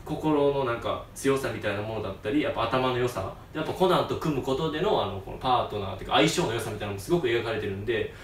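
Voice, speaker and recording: 関西なまりの若い男性ホストが、場面を声色で演じながら笑い混じりにくだけた調子で作品愛を語る。. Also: male voice, mid-range voice, rapid-fire, few pauses, slight background noise. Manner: excitable, acts out scenes in voices, laughs often. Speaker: host. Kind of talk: casual fan talk. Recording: roomy echo, distant mic.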